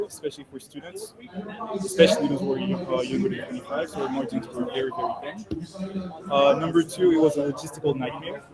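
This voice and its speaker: A man, a startup founder giving a measured conference presentation over a video call. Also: on the high side, low-quality recording. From Haiti. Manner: measured, walks through points in order.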